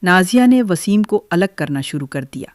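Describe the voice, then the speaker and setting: An older woman telling her own family story in the first person, in a measured, gentle way. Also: lowish voice, animated, dry recording, studio quality.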